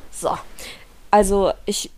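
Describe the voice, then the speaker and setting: Slow and a little mellow, a young German woman's voice carries a casual podcast chat she co-hosts. She talks freely, laughs often and frequently trails off and restarts.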